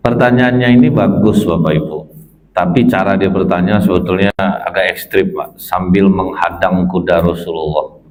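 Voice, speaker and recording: A man's voice: sits low, steady tone, moderate pace, darkish tone. A male preacher delivering a folksy mosque sermon, constantly addressing the congregation as sir and ma'am. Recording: slightly dull lo-fi recording.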